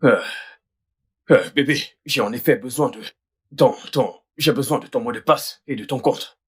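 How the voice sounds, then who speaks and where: A pushy, manipulative schemer who coaxes and badgers without letup. His voice is rough and raspy at an ordinary middle pitch. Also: moderate pace. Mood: coaxing, pushy. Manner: wheedling and insistent, repeats his demand.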